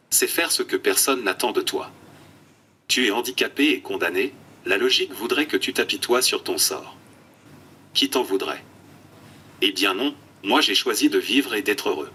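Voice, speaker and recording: Synthetic text to speech guy voice, robotic and even, picked up from a distance with some noise. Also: lowish voice. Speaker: interview guest. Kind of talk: prepared answers read by speech synthesis.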